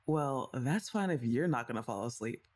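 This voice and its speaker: Playful and a little bossy, a young woman teases the listener face-to-face in a scripted ASMR roleplay, her voice climbing and dipping a great deal. She sighs and chuckles softly between lines. The voice is a rumbling low, animated, at a moderate pace.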